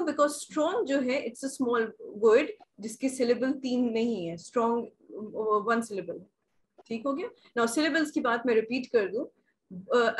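A woman teaching grammar in an online class, patiently repeating examples and asking if things are clear. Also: on the high side, a little hiss or hum, low-quality recording. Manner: patient, repeats examples slowly, asks checking questions. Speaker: English teacher. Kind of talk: online class, bilingual explanation.

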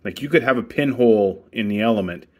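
Brief: man, lowish voice, plain practical hot tub technician walking through a repair outdoors. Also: fast, highs cut off. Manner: plain, practical step-by-step instructions. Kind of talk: casual how-to demonstration. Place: outdoors beside a hot tub equipment bay.

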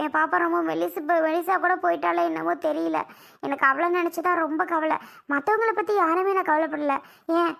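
A woman's voice: very high-pitched, vocal fry, a bit bright, heavily acted. A woman playing a young mother begging to go home. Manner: pleading, insistent, worried. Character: anxious young mother pleading to return to her child. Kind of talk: amateur family drama skit.

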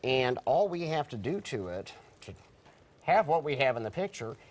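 A man's voice: medium pitch, very animated, normal speed. A middle-aged man hosting a cooking segment in a TV news studio, chatty and explaining as he works, with frequent restarts. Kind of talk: cooking demonstration chat.

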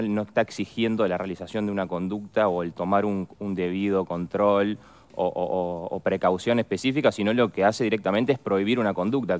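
A man working as a defense lawyer, explaining legal points with care in a studio interview and often repeating words as he searches for the exact phrasing. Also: fairly low pitch.

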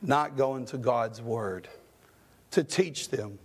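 A man's voice: medium pitch, slow, breathy edge. A man preaching a sermon as pastor in a church, impassioned, with rising questions and stammered restarts. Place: church sanctuary.

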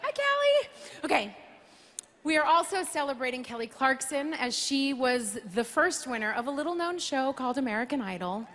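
Self-mocking woman host, high pitch, noisy live arena behind her. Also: normal speed. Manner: playful, self-mocking, bursts into sung lines. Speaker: awards show host. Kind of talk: comedic opening monologue. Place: large live arena stage. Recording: live arena sound with loud crowd. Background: audience applause and cheering.

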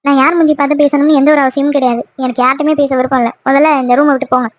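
A woman voicing a hurt, angry young woman in a cartoon love story, snapping sharp, dismissive retorts. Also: high-pitched, fairly even intonation, rapid-fire, lightly acted. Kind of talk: cartoon voice acting.

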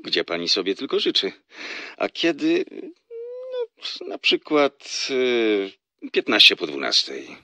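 A man's voice: mid-range voice, wildly swooping pitch, takes it slowly, long pauses, bright, forceful tone, no echo, full character voice. An actor playing a flirtatious, teasing salesman in a radio drama who laughs often as he talks on the phone. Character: flirtatious smooth-talking male salesman on phone.

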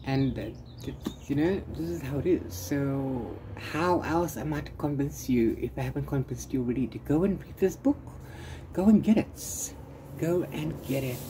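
At a moderate pace and medium pitch, a man chats casually in a book review vlog, rambling and slipping into repeated fillers. He's out under an open-sided corrugated-iron shelter, with open-air ambience and clearly audible background noise.

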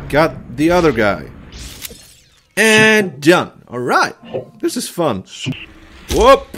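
A man's voice: fairly high pitch, fairly bright tone, a little hiss or hum. A man in his thirties giving casual, exclamatory let's-play commentary in short bursts as he plays. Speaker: video game player and commentator. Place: indoor room, seated at a computer.

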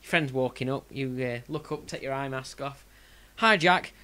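A man's voice: medium pitch, level tone, a little fast. A man with a Yorkshire accent hosting a podcast in a casual, rambling way, often restarting his sentences. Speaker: podcast host.

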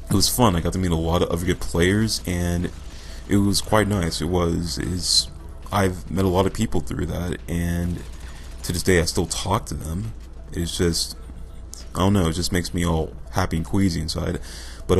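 A young man giving casual, rambling gameplay commentary, self-deprecating and a bit monotone and tired. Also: low-pitched, gravelly, slight background noise. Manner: rambling, self-deprecating, loose filler-heavy talk; says he sounds a little monotone and tired. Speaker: gaming commentator.

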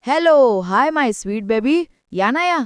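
A woman's voice: sits high, animated, a little slow, clear, resonant tone, no room sound, clean studio sound. A woman voicing a flashy, showy middle-aged man who stretches out his greetings.

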